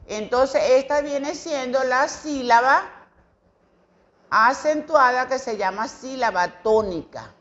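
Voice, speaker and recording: A woman's voice: high-pitched, a bit bright. Patient woman teacher, lo-fi recording. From Venezuela. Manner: patient, explanatory, repeats example words slowly; hesitant fillers and self-corrections. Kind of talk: recorded grammar lesson for children.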